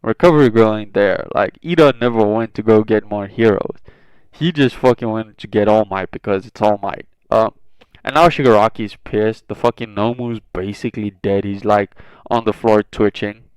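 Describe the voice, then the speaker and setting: A man's voice: fairly low pitch, normal speed, darkish tone, smooth, dry recording, low-quality recording. A man casually retelling a fan story, rambling with lots of swearing and fillers.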